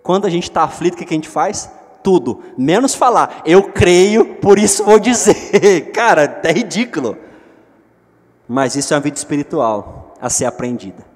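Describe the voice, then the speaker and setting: Impassioned high-voiced male preacher, echoing hall. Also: animated, moderate pace, husky. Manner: swings from soft asides to loud, high impassioned pleading; emotional, conversational, addresses the congregation as "gente". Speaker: pastor. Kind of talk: sermon. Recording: long hall reverb.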